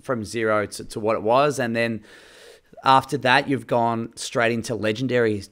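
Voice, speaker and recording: A man's voice: mid-range voice, fairly even intonation, moderate pace, a bit bright. A man hosting an interview, chatting casually and reacting with enthusiasm. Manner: enthusiastic, slangy, brief reactions. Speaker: podcast host.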